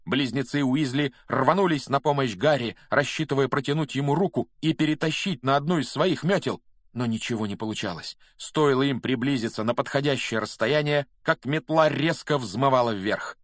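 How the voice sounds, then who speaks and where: A man narrating a fantasy audiobook in a brisk, steady storytelling manner. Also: medium pitch, dry recording, studio quality. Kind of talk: scripted narration.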